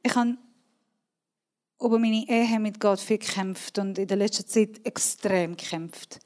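A woman with a Swiss German accent preaching a sermon, earnest and emphatic, repeating key words and sometimes dropping to a soft, near-whispered tone. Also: medium pitch, measured pace.

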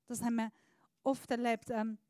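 A woman preaches a searching, earnest sermon in a fairly high voice. She often sinks into a soft, low tone. The sound is dry, with almost no room echo. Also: level tone, moderate pace, smooth.

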